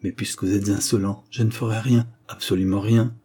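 A man reading a novel aloud and voicing a cold, calm, contemptuous middle-aged oil merchant who talks down to his brother in haughty, formal tones. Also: lowish voice, brisk, husky. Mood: coldly scornful.

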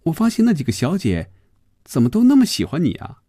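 A male storyteller voicing a young saleswoman who is touchy and earnest and gets shrill and quick when upset. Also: wildly swooping pitch, dark tone, slightly rough, dry recording, studio quality, full character voice. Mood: teasing.

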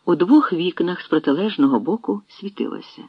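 A narrator reading a historical story as an audiobook, in an expressive storytelling manner. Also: mid-range voice, fairly quick, creaky, breathy edge, dry recording. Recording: dry, dull lo-fi sound.

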